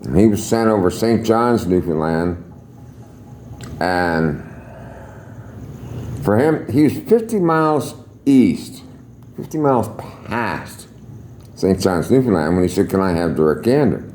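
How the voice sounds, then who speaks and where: An older man recounts an old story straight to camera, cursing casually and chuckling as he goes. His voice sits low and mellow. It rises and dips widely as he tells it. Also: slow pace, pauses often, a little hiss or hum. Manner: salty, swears freely, chuckles, lively storyteller. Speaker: retired air traffic controller.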